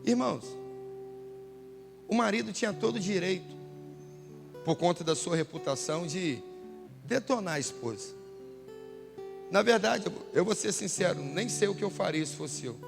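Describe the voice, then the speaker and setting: A pastor preaches in a high voice with a gravelly edge, and he tells his stories in a loose, slangy way. His words ring out with a long reverb through the church hall. A soft guitar plays faintly behind him. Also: expressive, normal speed, pauses often. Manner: casual, slangy storytelling. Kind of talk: sermon.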